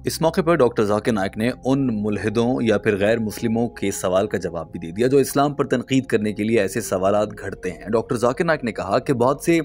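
A man reading a scripted narration in a measured, explanatory way, posing rhetorical questions. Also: on the low side, animated, darkish tone.

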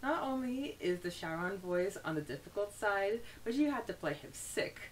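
A woman with a mid-range, expressive voice co-hosts a podcast, moving at a moderate pace from a steady plot summary of a story chapter into lively, relaxed conversation. The recording is low quality and faintly hissy.

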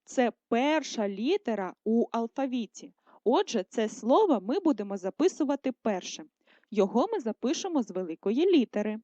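Woman teacher, high voice, slow careful talk for little kids, dry dull lo-fi sound. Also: sing-song, mellow, dry recording. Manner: slow, careful, drawing out words to stress them. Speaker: primary school teacher. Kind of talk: video lesson for first graders.

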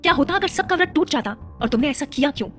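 A woman's voice: fairly high pitch, expressive, fast talker, close to an everyday voice. A woman voicing a stern, angry mother of a royal household, scolding and demanding answers.

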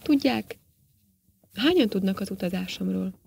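A woman's voice: medium pitch, lively intonation, creaky, darkish tone, husky, no echo, heavily acted. A woman reading an audiobook, voicing a formal older male professor who questions politely but insistently.

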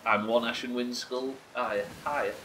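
In a steady, medium-pitched and slightly bright voice at normal speed, this British streamer in his thirties chats to viewers from a small indoor room while giving casual game commentary. He rambles, swears and questions himself. The low-quality recording carries slight background noise.

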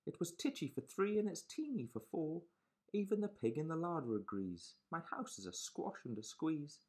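A high, fussy little old lady voiced by a woman who cries out her complaints in a breathy, swooping voice. She sounds flustered and fretful, pleading in a lilting storybook tone. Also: sing-song, normal speed, darkish tone, full character voice. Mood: frantic pleading.

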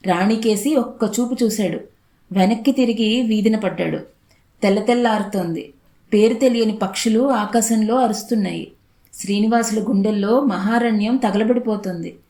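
A woman reading a literary short story aloud in a steady, unhurried narrating voice. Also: medium pitch, reverberant.

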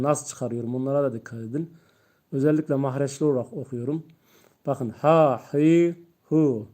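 A man teaching Quran reading in a live-streamed lesson, patiently drilling letter sounds aloud and talking to viewers as friends. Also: mid-range voice. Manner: patient, repeats letters loudly and slowly, addresses viewers as friends.

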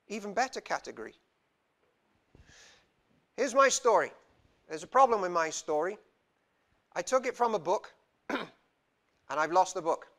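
In a small indoor church hall, a visiting young preacher from Wales gives a casual, self-deprecating sermon into a lapel mic, talking with his hands. His voice is high-pitched with a fairly bright tone.

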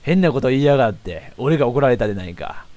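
An excitable man with a doing let's play commentary as a game streamer. He stammers and talks to himself, with a middle-pitched voice. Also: fast talker, no room sound.

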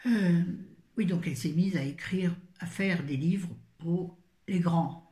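A woman's voice: lowish voice, slow, warm tone, echoey room. An older woman reviewing books in a casual, rambling chat full of self-mocking asides. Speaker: book vlogger.

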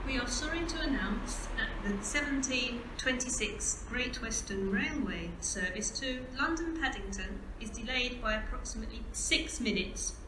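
A woman's prerecorded announcement voice, with spliced-together words in measured, evenly clipped phrasing, heard over station loudspeakers on a railway platform. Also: on the high side, expressive, echoey room, noisy background. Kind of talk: automated public address announcements. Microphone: heard through station loudspeakers. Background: station ambience.

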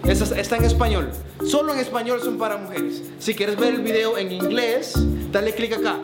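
A man's voice: sits high, moderate pace, roomy sound, loud music behind the voice. A young man hosting a comedy video, joking around behind the scenes and talking straight to his viewers in a playful, mock-indignant way.

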